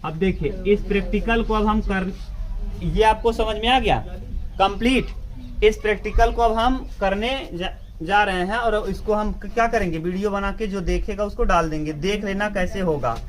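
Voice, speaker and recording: A man's voice: high voice, moderate pace. A male teacher giving a step-by-step lesson, often asking a question and answering it himself. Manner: asks and answers his own questions.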